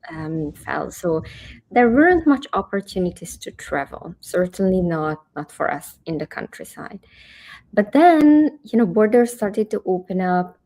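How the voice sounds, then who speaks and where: A woman's voice: lowish voice, warm tone. A woman from Hungary, a career coach chatting animatedly in an interview with frequent restarts. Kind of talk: casual interview chat.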